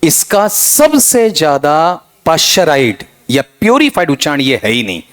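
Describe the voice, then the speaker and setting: Lively male English teacher. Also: normal speed. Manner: quizzing students with constant checks, "ok?"; lively, swings high and low in pitch. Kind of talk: exam-prep pronunciation lesson.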